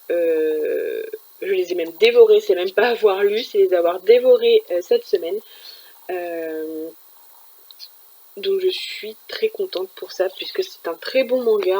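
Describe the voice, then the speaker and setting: A woman chats casually about the manga she read this week, with plenty of fillers and restarts. As a manga reviewer she has a medium-pitched, slightly mellow voice, and the recording is rough.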